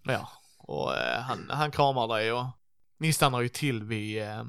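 Role-play player, male, bright tone, lively, crude storyteller, dry close sound. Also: medium pitch, creaky, smooth, dry recording. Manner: animated storytelling, lots of swearing. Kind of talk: in-character reminiscing chat.

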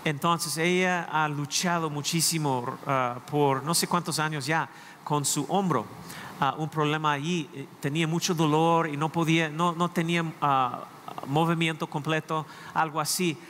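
A male pastor delivering a sermon in a fairly high voice, speaking conversationally and putting questions straight to his listeners. The recording carries the long reverb of a large hall, with faint noise in the background. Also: fairly even intonation, normal speed, a bit bright.

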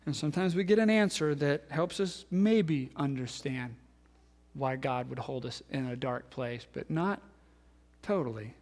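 A man in his thirties, a pastor giving a sermon, telling a story and acting out the voices in it, then dropping to hushed tones. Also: mid-range voice, unhurried. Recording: long hall reverb.

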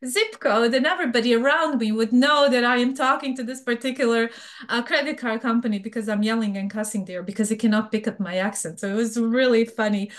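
A middle-aged fraud professional from Bosnia speaks frankly and chattily as a guest in a casual interview, with a Bosnian accent. Her voice is a little high and her pace fairly quick.

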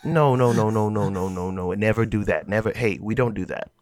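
A man's voice: on the low side, fairly quick, darkish tone. A man playing a tabletop game, rambling and repeating himself. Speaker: player. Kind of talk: casual tabletop play.

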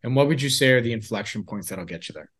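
A man's voice: medium pitch, lively intonation, fast talker. A man hosting a conversational business podcast interview, informal, rephrasing as he goes.

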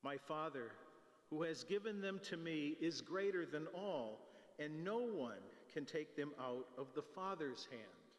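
A man proclaiming the gospel at Mass in a measured, solemn delivery, heard with cathedral echo from a distance in a large church. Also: fairly high pitch, animated. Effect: cathedral echo, long church reverb. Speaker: clergy reading the gospel at Mass.

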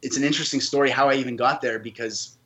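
A man's voice: medium pitch, steady tone, fast talker, a bit bright, poor audio. A man from Canada, a podcast guest, telling his story in an earnest, reflective way during a casual interview.

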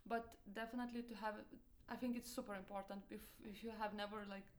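A woman's voice: medium pitch, flat delivery, fast talker. Young woman with a Lithuanian accent. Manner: hesitant, searching for words, many fillers. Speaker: entrepreneur guest. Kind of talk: interview answers.

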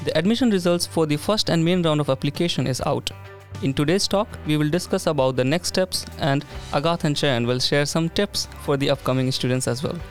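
A man hosts a casual podcast chat, friendly but hesitant, full of "uh"s and "like"s. His voice is on the high side and fairly quick with barely any pauses, and faint music plays in the background.

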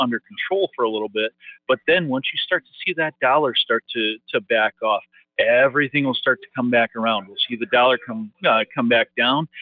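Play a man talking over the phone, halting with many fillers as he explains markets. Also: medium pitch, no echo. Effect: heard over the phone. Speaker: market analyst guest. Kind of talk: market commentary interview. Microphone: telephone. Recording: dry tinny phone line.

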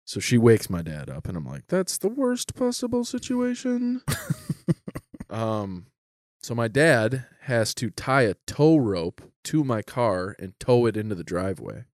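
Animated man telling a story. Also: fairly low pitch, measured pace, no echo, studio quality. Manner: animated, lots of "like", laughs often. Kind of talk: casual storytelling chat.

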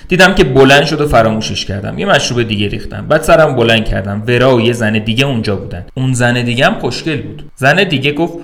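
A man's voice: medium pitch, animated, vocal fry, few pauses, a bit bright. A man narrating a first-person short story aloud for a podcast, in a wry, conversational telling.

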